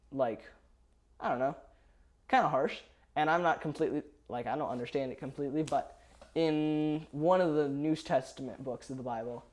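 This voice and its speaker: A man's voice: fairly high pitch, darkish tone. Young man rambling through a Bible summary. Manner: rambling, hesitant, many fillers and restarts. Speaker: podcast co-host. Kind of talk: casual chat, summarizing a Bible chapter.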